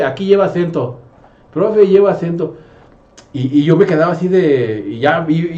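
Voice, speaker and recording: A man's voice: on the high side, dark tone. A man, a math teacher hosting a casual conversation, rambling with many fillers and restarts. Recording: roomy, slightly dull sound.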